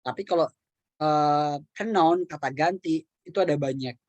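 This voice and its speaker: A man teaching an online English class, explaining in Indonesian with patient repetition and frequent throat clearing. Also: a little high, moderate pace, no echo, lo-fi sound. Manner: patient, repeats words and examples, clears throat often.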